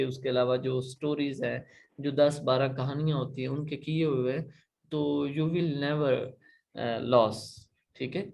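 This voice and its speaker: Gravelly Pakistani male teacher. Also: on the high side. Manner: explains patiently, repeats points, checks in often. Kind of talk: online class lecture. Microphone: laptop.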